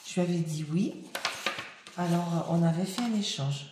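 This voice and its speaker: A woman chatting casually as she unboxes craft mail, her voice slightly hoarse and often dropping to a murmur. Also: on the low side, normal speed. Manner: soft-spoken, often murmuring to herself. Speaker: crafting vlogger. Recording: echoey room, faint noise.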